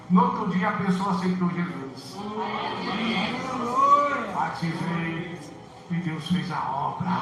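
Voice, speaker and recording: A man's voice: high voice, fairly bright tone. A man preaching a sermon as pastor, telling stories with passionate cries and acted-out quotes. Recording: echoey church from far off with music.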